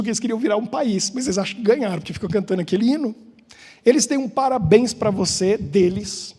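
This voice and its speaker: Brazilian pastor guy, high voice, joking around with the congregation, long echo from the church hall. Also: dark tone, husky. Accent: Brazilian Portuguese. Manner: joking, chatty, asks the congregation questions. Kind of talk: informal sermon with banter.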